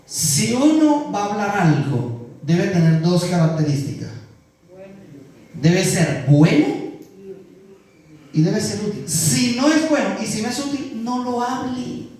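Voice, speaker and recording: Preaching in an earnest, colloquial way, this middle-aged pastor speaks with the costeño accent of Colombia's Caribbean coast and asks his congregation questions. His high voice moves slowly with lively intonation and a slightly mellow quality. Captured by a distant mic, the sound echoes heavily through the church hall.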